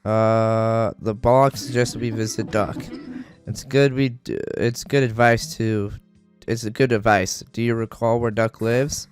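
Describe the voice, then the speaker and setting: A man's voice: on the low side, fairly even intonation, a little slow, lightly acted. A man voicing a formal, proper male robot companion in a stiff reading. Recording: faint game music behind.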